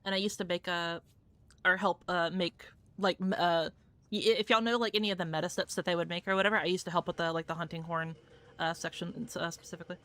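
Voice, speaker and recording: A woman's voice: fairly low pitch, steady tone, fast talker, fairly bright tone, dry recording. A young adult woman hosting a live gaming stream, chatting casually and swearing freely, with lots of "like" fillers. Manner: loose and profane, heavy use of "like" fillers. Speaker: streamer hosting viewer games.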